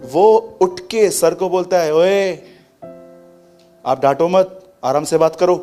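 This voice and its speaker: A male pastor preaching an animated sermon, acting out quotes as he tells stories. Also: mid-range voice. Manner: animated, acts out quotes and laughs. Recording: faint music behind.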